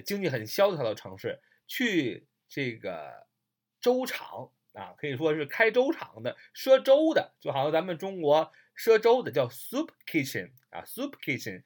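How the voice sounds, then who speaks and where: A teacher giving a recorded English lesson, explaining in Chinese and repeating English phrases slowly, with many "ah" fillers. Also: mid-range voice. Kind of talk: recorded audio vocabulary lesson.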